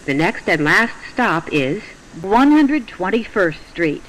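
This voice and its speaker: High-pitched man, measured subway announcement. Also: sing-song, a bit bright, rough recording. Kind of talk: scripted automated-style transit announcements. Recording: subway announcement with train noise behind. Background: faint train ambience.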